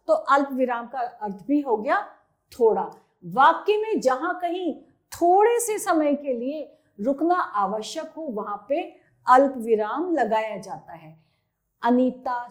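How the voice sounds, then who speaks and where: A woman teacher giving a Hindi grammar lesson to young children, explaining slowly, repeating herself and checking in with the class. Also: sits high. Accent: Indian Hindi. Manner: stresses example sentences loudly.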